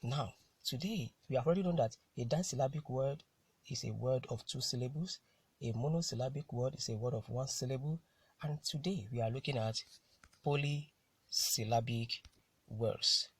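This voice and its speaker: A man teaching an English pronunciation lesson, speaking deliberately, repeating key terms and asking rhetorical questions. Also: mid-range voice, slightly rough, no room sound. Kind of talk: classroom lecture.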